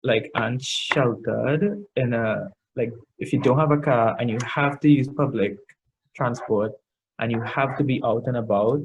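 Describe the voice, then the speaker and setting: A man with a Trinidadian accent chatting casually, a little drunk and halting as he searches for his words. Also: medium pitch, a little hiss or hum, rough recording. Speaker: guest in a makeup challenge video. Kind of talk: casual chat.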